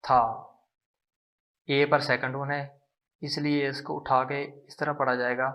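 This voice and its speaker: A man teaching a language lesson, explaining slowly and patiently and repeating syllables to demonstrate them. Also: mid-range voice, flat delivery, bright, forceful tone. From Pakistan.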